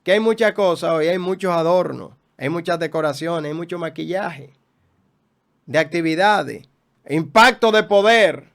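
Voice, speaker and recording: Gravelly pastor, emphatic preaching. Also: male voice, on the high side, moderate pace. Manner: emphatic, with rhetorical questions and repeated phrases. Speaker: guest pastor. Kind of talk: preaching-style teaching in an interview.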